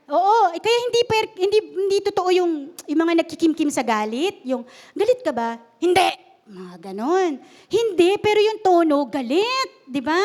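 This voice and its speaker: High, lively woman preacher. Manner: humorous, animated, questions the congregation. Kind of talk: conversational sermon. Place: church service.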